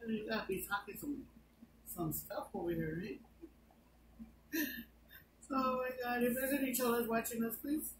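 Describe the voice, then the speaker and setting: A woman's voice: on the high side, moderate pace, long pauses. A middle-aged woman hosting a casual family chat at home, teasing playfully and tagging her lines with a joking "eh?" and "fool". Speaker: channel host. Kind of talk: casual family chat, mock tough-girl slang. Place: home, indoors. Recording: echoey room, far from mic, faint hiss.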